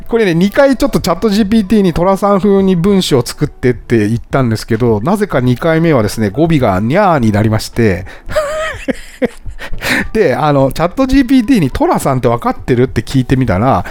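Lively chatty male podcast host. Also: fairly high pitch, a little fast. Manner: chatty, laughs often at his own stories. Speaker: podcast host and travel Instagrammer. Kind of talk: casual podcast chat.

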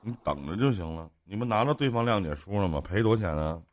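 A man's voice: fairly low pitch, lively intonation, quick pace. A man chatting casually as a livestream advice host, blunt, teasing and often amused. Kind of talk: casual call-in chat. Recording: very noisy live call, clicks.

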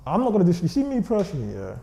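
Fast-talking London roadman, mellow and dark. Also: high voice, wildly swooping pitch, vocal fry. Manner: defensive, emphatic, repeats check phrases like "do you know what I'm saying". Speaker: blogger interview guest. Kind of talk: casual interview talk, street slang. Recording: roomy echo.

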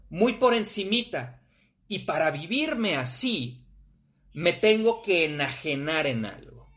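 A man with a Mexican accent, talking bluntly and casually about grief, with frequent swearing. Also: high-pitched. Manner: blunt, profane, animated. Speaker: podcast host.

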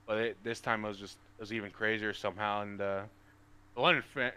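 A man's voice: on the low side, fairly even intonation, quick pace, sharp tone, smooth. A young man, a pro player as guest, talking casually with many restarts and "bro" and "dude". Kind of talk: casual interview chat.

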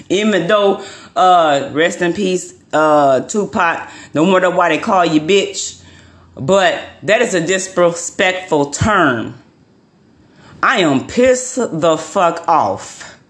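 Blunt, cussing woman ranting. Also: on the low side. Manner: profane, blunt, repeats herself for emphasis. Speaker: tarot card reader vlogger. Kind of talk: heated ranting monologue.

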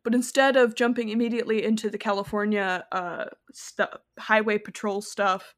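A woman's voice: mid-range voice, normal speed. A woman co-hosting a podcast, talking casually about a movie, rambling and correcting herself as she goes. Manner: rambling, self-correcting, animated asides. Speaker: podcast co-host. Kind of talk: casual chat.

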